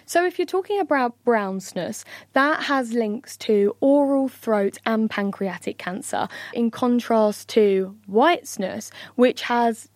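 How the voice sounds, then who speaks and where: A woman's voice: a little high, takes it slowly, hardly any pauses, no room sound. Woman health reporter, dry studio sound. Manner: chatty, explains with fillers. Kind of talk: explanatory studio interview. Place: radio studio.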